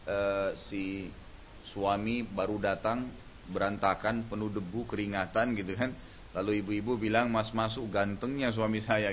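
Man preaching a casual lo-fi sermon. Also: lowish voice. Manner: conversational, frequent tag phrases. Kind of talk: Islamic lecture. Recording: dull lo-fi recording with faint hiss.

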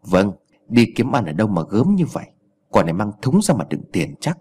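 A man voicing an arrogant, bullying old village chief who sneers, insults and threatens, in a husky voice with wide swings of pitch. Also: sing-song, brisk, a little mellow. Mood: sneering.

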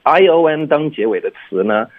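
On a radio lesson heard through a phone line, a man teaches English pronunciation, explaining patiently one step at a time and frequently asking "OK?". His voice is a little high and animated, at normal speed.

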